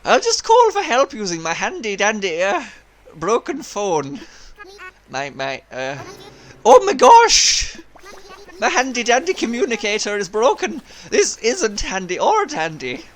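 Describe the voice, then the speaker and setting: Give me a man playing a loud, upbeat seagull sailor with a put-on Irish lilt. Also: high-pitched, huge pitch swings, slow pace, pitched above the performer's own voice, full character voice. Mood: cheery. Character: chatty shipwrecked male seagull sailor.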